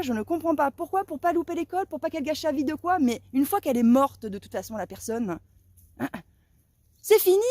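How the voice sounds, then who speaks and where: A woman's voice: high-pitched, darkish tone, no room sound. A woman from Lorraine, France, in her thirties, talking to her viewers in an indignant, emphatic, chatty monologue. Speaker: vlogger.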